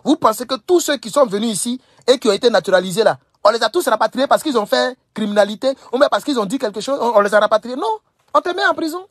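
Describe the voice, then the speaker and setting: A man's voice: very high-pitched, animated, quick pace, dry recording, studio quality. A young man from Burkina Faso, talking straight to camera, emphatic, repeating phrases and scolding his listeners. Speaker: political commentator. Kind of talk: casual direct-to-camera monologue.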